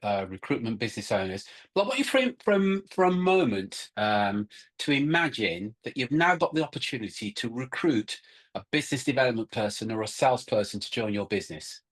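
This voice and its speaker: A man's voice: mid-range voice, lively intonation, fairly quick, a bit bright. A middle-aged man co-hosting a recruiting workshop webinar, talking emphatically and often repeating and restarting his words. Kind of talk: webinar presentation.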